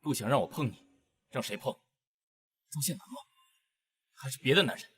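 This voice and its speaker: A man's voice: medium pitch, animated, moderate pace, fairly bright tone, husky. An actor playing a jealous, possessive young male tycoon who talks with intensity and turns to pleading in a TV drama. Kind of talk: TV drama acting.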